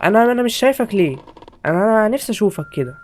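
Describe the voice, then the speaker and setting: A young man with an Egyptian Arabic accent giving jokey, excitable horror game commentary to his viewers from a home setup. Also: high voice, very fast. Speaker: gaming YouTuber.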